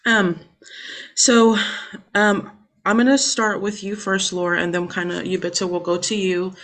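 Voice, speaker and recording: A woman's voice: mid-range voice, level tone, measured pace, a bit bright. A young woman who is a student, conducting a casual interview over a video call, friendly and full of fillers like um and you know.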